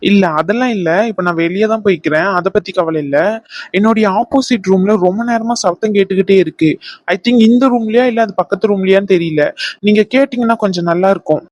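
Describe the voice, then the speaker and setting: An assertive cartoon hotel guest, voiced by a performer, insistent and indignant at a middle pitch. The voice is recorded close and dry. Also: fast, a little mellow, dry recording, lightly acted. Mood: concerned. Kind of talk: cartoon voice acting.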